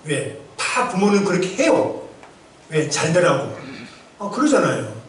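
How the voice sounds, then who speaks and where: A man's voice: on the high side, big pitch swings, measured pace, a little hiss or hum. A middle-aged male pastor preaching a sermon, full of rhetorical questions and acted-out outbursts. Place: church sanctuary. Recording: echoey church hall from far off.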